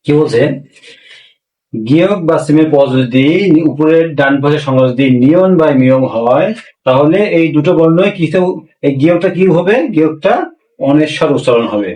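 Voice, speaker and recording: A man teaching a language class, asking rhetorical questions and slowly repeating words for learners. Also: on the high side, darkish tone. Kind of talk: classroom-style language lesson. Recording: echoey room, voice a bit far from mic.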